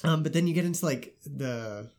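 A man's voice: fairly high pitch, moderate pace, darkish tone. Congested man, breathing through his mouth. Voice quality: congested, stuffy-nosed voice. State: recovering from sinus illness. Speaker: podcast co-host. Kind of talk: casual chat.

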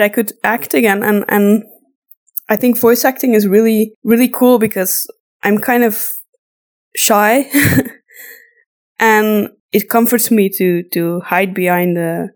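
Unhurried and fairly high-pitched, her delivery keeps a fairly even intonation. The Flemish-accented woman from Flanders, Belgium, a native Dutch speaker who hosts a podcast and acts in audio dramas, chats easily and self-deprecatingly as she takes listener questions.

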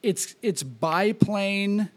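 Chatty guy hosting a podcast, voice on the higher side, casual storytelling. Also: very slow. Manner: talkative, leads the conversation. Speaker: podcast host. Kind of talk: casual chat and anecdote.

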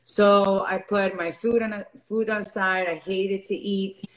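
On a poorly recorded podcast, a young fitness coach from Venezuela talks in an unhurried, steady-toned mid-range voice. It's a relaxed interview chat, and she comes across as candid and sincere, leaning heavily on fillers.

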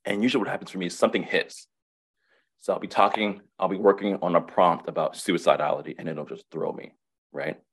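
Deep-voiced man, reflective counselor. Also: fairly even intonation, brisk, slightly rough. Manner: reflective, many restarts and repetitions. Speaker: counselor and guest. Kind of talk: casual webinar conversation.

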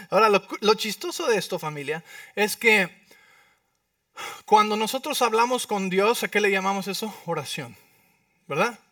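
Male pastor, sermon, high bright voice, dry sound, slightly distant mic. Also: a little slow, long pauses, dry recording. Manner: lively preaching, asks the congregation questions.

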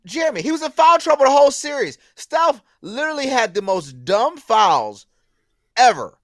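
High, animated man ranting about basketball. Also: moderate pace, no room sound, studio quality. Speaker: sports talk co-host. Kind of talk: heated sports debate.

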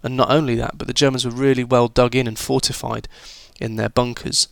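A man's voice: mid-range voice, little pitch movement, a little fast, gravelly, fairly bright tone, no echo. A man talking students through a history lesson in a chatty, informal way, with fillers and restarts. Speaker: history teacher.

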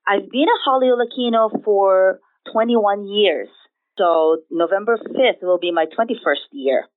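Speaking as an interview guest, a middle-aged Filipina nursing director responds in a conversational way with a Filipino accent. She talks unhurriedly at medium pitch, and the tinny phone line carries slight background noise.

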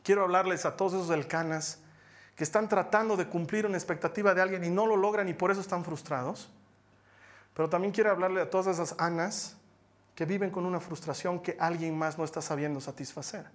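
A male pastor giving a sermon in a lively, humorous storytelling manner, moving between loud emphatic lines and soft asides. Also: high voice, brisk.

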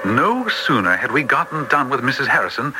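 An actor playing a loyal, worried gentleman doctor in a radio drama, proper and earnest. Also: medium pitch, very animated, brisk, loud music behind the voice, lightly acted, poor audio. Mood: puzzled, confiding. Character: loyal, worried English doctor, detective's companion.

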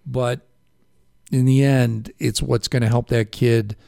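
Brief: male radio host, gravelly tone, dry studio sound, rambling, self-correcting delivery. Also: medium pitch, flat delivery, takes it slowly, dark tone, no echo. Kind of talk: local radio interview. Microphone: studio microphone.

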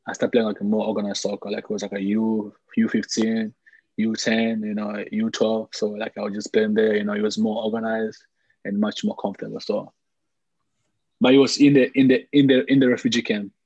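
A man's voice: on the low side, little pitch movement, normal speed, a little mellow, slightly rough, no echo, muffled recording. A man in his twenties from Congo with a Congolese accent, answering interview questions casually and often repeating himself as he goes. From Congo (DRC), later Malawi. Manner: conversational, repetitive, peppered with "like" and "you know". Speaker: soccer player being interviewed.

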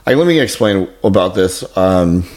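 A man's voice: sits low, expressive, normal speed, a little mellow. A man talking candidly on a podcast as a guest fitness trainer, loose and frank, with frequent swearing and lots of "like" and "you know.". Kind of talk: casual podcast chat.

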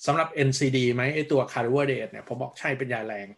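A man explaining diet advice in a panel talk, measured and patient, ending sentences with polite particles. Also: medium pitch, gravelly. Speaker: health guest.

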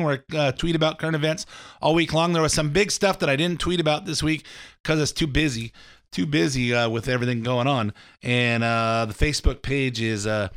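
This talk radio host, a middle-aged man, has a voice on the high side, fairly bright and slightly scratchy. He rambles folksily through a casual political monologue, with fillers and restarts, between ads for his mortgage business. Studio quality, with no room sound.

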